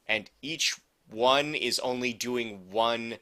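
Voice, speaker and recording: Bright-voiced man co-hosting a casual podcast. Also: medium pitch, takes it slowly. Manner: rambling, self-correcting, wry. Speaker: podcast co-host. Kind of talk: casual chat.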